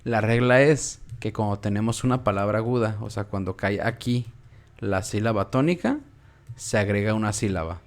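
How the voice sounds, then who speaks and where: A young man with a Mexican Spanish accent, teaching a relaxed, casual class and repeating words aloud to show where the stress falls. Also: lowish voice, moderate pace.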